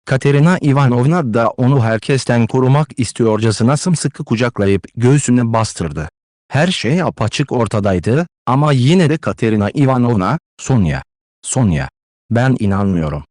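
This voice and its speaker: A man reading a classic novel aloud as an audiobook narrator, measured and expressive. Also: medium pitch, no room sound, clean studio sound. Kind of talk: scripted literary narration.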